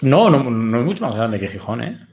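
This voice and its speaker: A man's voice: medium pitch, big pitch swings, fairly quick, a little mellow. A man with a Spain Spanish accent, chatting as a guest and spinning rambling, casually profane anecdotes. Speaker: guest commentator. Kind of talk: casual chat.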